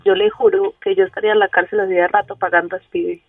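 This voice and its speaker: A woman's voice: mid-range voice, sing-song, fast talker, creaky, dry recording, soft background music. A woman from Colombia with a Colombian accent, calling in to a radio show, talking bluntly and swearing freely. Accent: Colombian Spanish. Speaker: caller. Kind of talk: casual phone chat with radio hosts. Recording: tinny phone line, distant.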